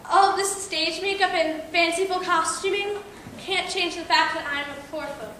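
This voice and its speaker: A woman's voice: very high voice, fairly even intonation, moderate pace, sharp tone, a little hiss or hum. A woman playing a young Victorian daughter who poses as a refined actress, speaking in formal, earnest stage manner. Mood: confessing. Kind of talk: theatrical stage comedy acting. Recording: very echoey, distant stage recording.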